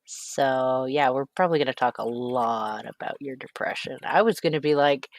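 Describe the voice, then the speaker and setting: A woman's voice: a bass voice, normal speed, no room sound. A woman interviewing a podcast guest in casual chat, teasing and bantering, with a lingering cold. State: has a cold, coughing.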